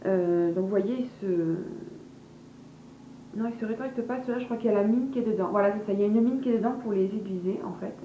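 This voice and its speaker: A woman's voice: medium pitch, fast talker. A woman beauty vlogger chatting casually through a product haul, hesitant with many fillers and addressing her viewers as girls. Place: room at home, party noise from below. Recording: echoey room, dull lo-fi sound, faint party noise.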